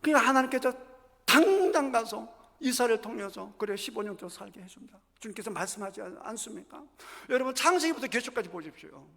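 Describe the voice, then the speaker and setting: A man's voice: extremely high pitch, expressive, a little fast, gravelly, fairly bright tone. A middle-aged male pastor preaching a sermon emphatically in a church sanctuary, acting out scripture scenes with drama. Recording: echoey church hall.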